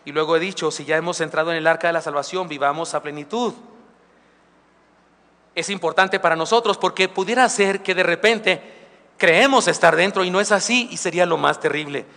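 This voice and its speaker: Male pastor, bright voice pitched a bit high, chatty sermon, church with long reverb. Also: fairly quick. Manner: conversational preaching, with asides and humor. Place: church sanctuary. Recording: live church recording with long hall reverb.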